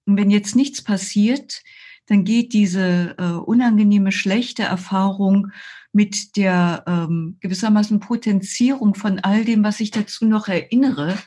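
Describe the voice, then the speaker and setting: Older female yoga teacher, husky, measured guest explainer. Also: mid-range voice, steady tone, mellow. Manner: slow, measured explaining with frequent hesitations. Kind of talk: explanatory interview talk.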